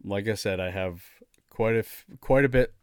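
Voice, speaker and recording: Chatty man, podcast co-host, lowish voice, dry close mic. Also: normal speed, clean tone, no room sound. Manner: chatty, eager, stumbles over names. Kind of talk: casual chat.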